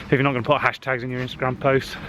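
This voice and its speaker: A man's voice: mid-range voice, flat delivery, rapid-fire, fairly bright tone. A man, chatting casually to a handheld camera while walking a wooded hill path, slightly out of breath, with frequent fillers. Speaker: social media marketing vlogger. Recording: faint outdoor noise.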